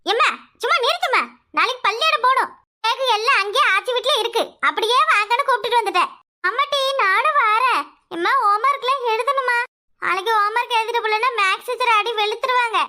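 Woman voicing a cheeky cartoon schoolgirl, Tirunelveli Tamil accent, squeaky high, quick. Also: bright, forceful tone, heavily acted. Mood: pleading. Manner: pleading, quick and chirpy. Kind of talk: cartoon voice acting.

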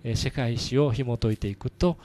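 A man hosting a church radio talk show, explaining patiently in a halting way with many fillers. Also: medium pitch, mellow.

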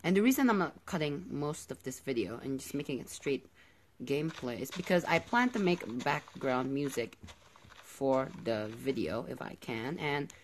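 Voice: mid-range voice, lively intonation, normal speed, slight background noise. A gaming video host giving casual commentary while playing, often repeating words and phrases.

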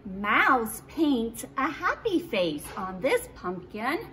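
A middle-aged woman reading a storybook aloud to young children like a kids show host, expressive, with exaggerated emphasis and questions for the listeners. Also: on the high side, slow, slight background noise. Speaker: preschool teacher reading to children. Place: small classroom with painted block walls. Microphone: camera a few feet away.

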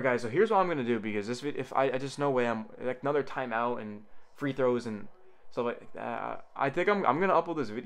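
Excitable man calling a live game. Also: medium pitch. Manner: excitable, jumps to loud shouts on big plays; rambling, talks straight to viewers. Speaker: YouTuber reacting to a live game. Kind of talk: casual live play-by-play reaction.

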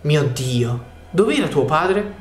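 A woman's voice: deep voice, big pitch swings, takes it slowly, darkish tone, echoey room, soft background music, full character voice. A reader voicing a worried young woman in a horror chat story, asking anxious questions as her messages are read aloud.

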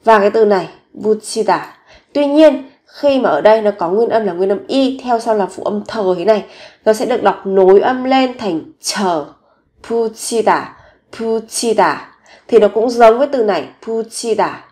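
Woman teacher, recorded vocabulary lesson, slow and patient, repeats each word, even mid-pitched voice. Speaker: Korean language teacher.

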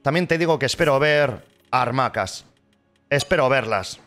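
Spanish gaming streamer, swears a lot, goes from mutters to yells, even mid-range voice, faint music under him. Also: male voice, medium pitch, moderate pace. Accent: Spain Spanish. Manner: swearing, excitable, swings between mutters and loud cheers. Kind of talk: casual commentary while opening cases.

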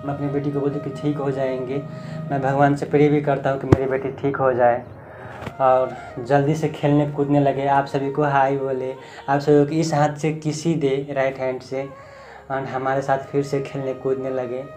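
A man's voice: medium pitch, monotone, normal speed, over music. A young man vlogging heartfelt about his family, speaking plainly as a father. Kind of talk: emotional family vlog talk.

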